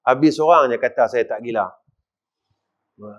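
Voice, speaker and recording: A middle-aged religious teacher with a northern Malaysian accent gives a mosque lecture, asking the audience questions and swinging between loud and quiet. He speaks at a moderate pace with medium pitch. The recording is dull and lo-fi.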